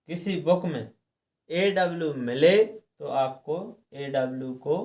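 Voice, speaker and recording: A man's voice: a little high, a little mellow. A man teaching a lesson on English reading rules, patiently repeating each rule and spelling letters out one by one. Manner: clears throat now and then. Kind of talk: slow explanatory lesson.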